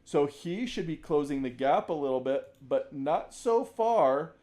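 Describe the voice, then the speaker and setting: The man coaching through this basketball film session has a fairly high, animated voice and never rushes. He speaks casually, restarts his sentences often, and periodically shouts example calls.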